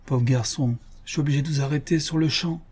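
Narrator playing stern, kind-hearted frontier scout, male, firm and brisk, slightly raised pitch, mellow husky tone, audiobook. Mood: dismayed.

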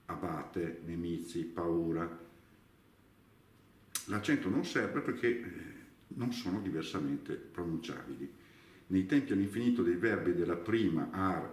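A man giving a slow dialect lesson, reading out example words one by one. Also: low-pitched. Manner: deliberate, spells out examples word by word. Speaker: dialect teacher. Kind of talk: slow spoken lesson, reading out word lists. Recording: echoey room, voice from a distance.

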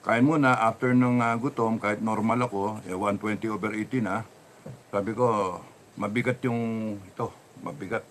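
A man telling a long personal story in a casual, rambling, halting way, full of restarts. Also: lowish voice, fairly even intonation, slight background noise.

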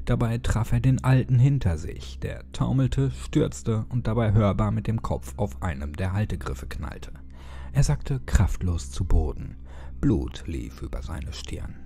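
Gravelly, dark-voiced male horror narrator. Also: on the low side.

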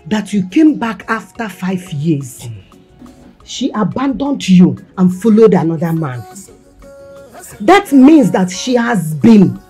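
An actress with a Nigerian accent playing a stern mother scolding her grown son in a slow, emphatic, husky voice. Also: mid-range voice, dark tone, heavily acted.

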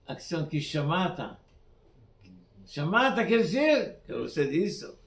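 Rabbi, halting Spanish full of terms, high voice, roomy echo. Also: male voice, sing-song. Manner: halting, simple Spanish mixed with Hebrew terms. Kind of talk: weekly Torah sermon.

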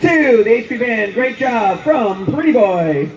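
A man announcing at a stadium, reading shout-out messages over the PA with playful, jokey asides. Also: very high voice, expressive, measured pace, slight background noise. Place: outdoor stadium at a band show. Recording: echoey lo-fi stadium PA with faint music.

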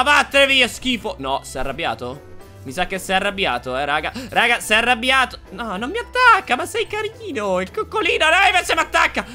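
A young man giving excitable gameplay commentary, squealing in disgust at monsters and talking straight to his viewers. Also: sits high. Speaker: gaming YouTuber.

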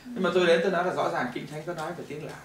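A middle-aged man tells his testimony in a rapid, animated sermon, swinging between loud and hushed. He is picked up from some distance in an echoey church hall, with faint room noise behind him. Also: a little high. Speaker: preacher giving testimony.

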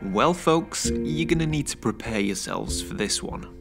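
A man in his thirties, a landscape photographer, calmly explaining his film-camera shoot outdoors in a forest, picked up by a camera mic a few meters away. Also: mid-range voice, unhurried, over music. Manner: calm, explanatory, counts a long exposure in a whisper. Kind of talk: on-location vlog narration. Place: outdoors in an autumn beech forest.

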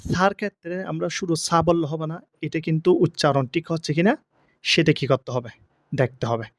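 A man teaching the pronunciation of Arabic letters for Quran reading. He asks questions and answers them himself, and he draws each letter sound out slowly. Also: a little high, no echo. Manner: slow, drawn-out letter sounds.

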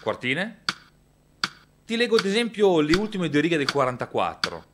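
A man's voice: fairly high pitch, huge pitch swings, normal speed, very noisy. A man in his thirties, a guitar teacher, talks casually through a lesson, counting beats and singing rhythms aloud. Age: 30s. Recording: loud guitar playing behind the voice. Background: electric guitar.

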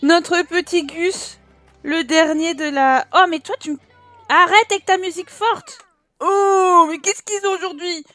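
High-voiced woman scolding her game. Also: fairly even intonation, a little slow, fairly bright tone, no echo. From France. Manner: exasperated, scolding the game characters, frequent laughs. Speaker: gaming YouTuber. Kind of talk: casual let's-play commentary.

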